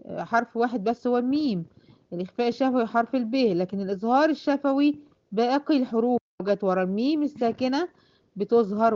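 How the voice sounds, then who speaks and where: A woman with an Egyptian accent teaching Quran recitation rules, asking and answering her own questions and reciting examples slowly. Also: on the high side, a little mellow, muffled recording. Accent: Egyptian Arabic. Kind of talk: online class teaching tajweed.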